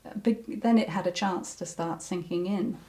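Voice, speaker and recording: An older woman with a soft, mellow voice recalls her past in an unhurried interview. She hesitates often, restarts her sentences and fills the gaps with ums. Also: fairly low pitch. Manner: hesitant, many ums and restarts, breaks into laughter. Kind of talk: reflective personal recollection.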